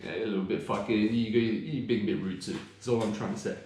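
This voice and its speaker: A man's voice: lowish voice, steady tone, fast talker, darkish tone, very echoey, a little hiss or hum. A man from Australia, co-hosting a podcast in casual, rambling chat full of swearing. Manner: swearing, laid-back, rambling. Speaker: podcast co-host.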